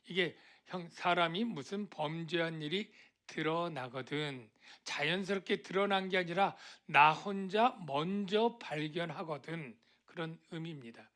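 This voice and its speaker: A middle-aged male pastor delivers a Korean sermon in a bright, forceful voice that sits a little high for a man. He preaches conversationally, putting questions to the congregation and slipping into quoted voices. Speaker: senior pastor.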